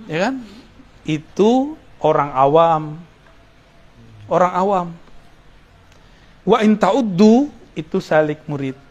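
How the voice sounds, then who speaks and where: A man with a fairly high speaking voice teaches a Sufi study circle. He explains Arabic terms one by one, recites short prayers and breaks off for jokes with his listeners. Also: expressive, slow, pauses often, a little mellow, muffled recording. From Indonesia. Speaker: Islamic preacher.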